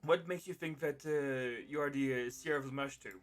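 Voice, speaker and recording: A man narrating as game master, pausing often with uh fillers. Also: medium pitch. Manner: halting, many uh fillers.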